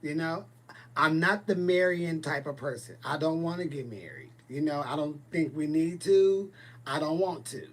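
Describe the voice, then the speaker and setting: Guy in his 40s on a livestream, kinda high voice, sassy and blunt, reads comments. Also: moderate pace. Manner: chatty, sassy, blunt, with exclamations. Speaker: livestream host. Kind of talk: casual live chat reading viewer comments.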